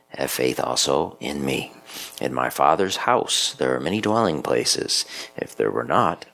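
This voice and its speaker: Priest, very deep, gravelly, lively intonation, solemn measured reading. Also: male voice. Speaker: pastor. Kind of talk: homily with scripture reading.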